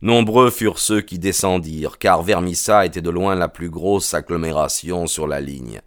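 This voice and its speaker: A man narrates a novel in a measured, even way. His voice is very deep and low. The recording is dry and close, with no room sound. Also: dry recording. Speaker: audiobook narrator. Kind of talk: scripted narration.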